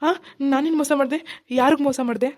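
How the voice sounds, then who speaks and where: A woman does cartoon voice acting as a lazy, bossy husband who becomes panicky and pleading when scared. Her voice is high and darkish with a steady tone and quick pace, sounding natural.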